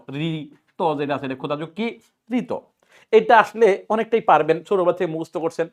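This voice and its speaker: High-voiced man drilling grammar questions. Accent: Bangladeshi Bengali. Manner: drilling with repeated questions and answers; brisk, colloquial teaching. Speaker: teacher. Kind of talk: exam-prep grammar lesson.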